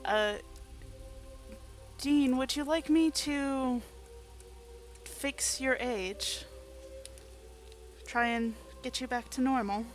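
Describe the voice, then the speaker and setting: Slow, playful woman at a game table. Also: high voice, faint music behind. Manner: playful, laughs often. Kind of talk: casual tabletop game play.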